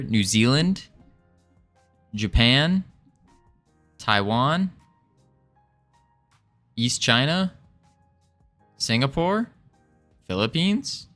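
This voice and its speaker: A man streaming his game development, chatting casually with viewers and thinking aloud as he works. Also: lowish voice. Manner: relaxed, chatty, greets viewers, muses while working.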